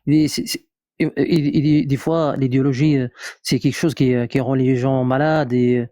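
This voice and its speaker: Male, Moroccan accent in French, soft dark tone, dry close sound, searches for words in casual debate. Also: medium pitch, fairly even intonation, no echo. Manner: halting, searching for words, repeats himself. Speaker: live discussion participant.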